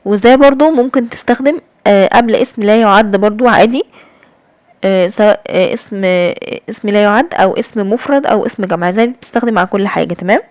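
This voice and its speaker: With an Egyptian Arabic accent, a young woman teaching English explains grammar one step at a time in a recorded lesson, full of fillers and check-ins. She talks fast in a mid-range, slightly mellow voice, and there's no echo.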